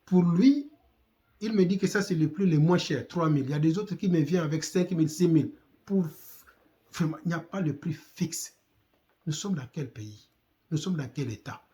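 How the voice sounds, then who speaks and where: A man's voice: fairly high pitch, normal speed, dark tone. Congolese man exhorting in heated commentary. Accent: Congolese French. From Democratic Republic of the Congo. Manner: exhorting, rhetorical questions, repeats himself. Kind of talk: impassioned commentary.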